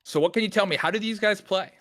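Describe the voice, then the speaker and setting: A man's voice: high-pitched, a bit bright. Joking male esports co-caster. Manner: joking, quick play-by-play with asides. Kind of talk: play-by-play esports commentary.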